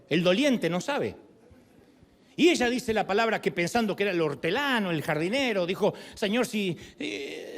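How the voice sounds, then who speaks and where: Animated high-voiced male preacher. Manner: animated storytelling with humor and acted quotes. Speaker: pastor. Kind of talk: sermon.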